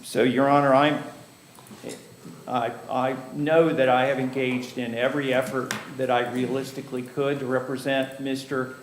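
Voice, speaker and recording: A man's voice: mid-range voice, level tone, moderate pace, echoey room, slight background noise, rough recording. A male defense attorney addressing a judge in a formal way, with many fillers and restarts, heard in a courtroom recording.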